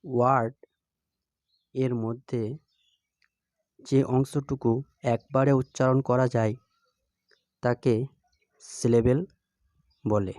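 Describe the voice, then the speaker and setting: A man teaching a grammar lesson, explaining slowly and evenly with a measured delivery. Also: mid-range voice, steady tone, mellow, dry recording.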